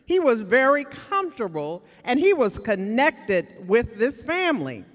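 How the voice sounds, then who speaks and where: High-voiced woman preaching in a sanctuary. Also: very animated, a little slow. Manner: preaching with call-and-response asides to the congregation. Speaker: associate minister. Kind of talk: sermon. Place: large church sanctuary, standing at the pulpit. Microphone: handheld microphone. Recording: church sanctuary reverb with faint music.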